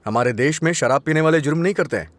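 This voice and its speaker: A man's voice: on the high side, no room sound, lightly acted. An actor dubbing a cheeky, carefree young man in a film, with a playful, teasing way of talking. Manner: playful, teasing, quick to laugh. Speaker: dubbed film hero. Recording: dubbed dialogue over loud film music.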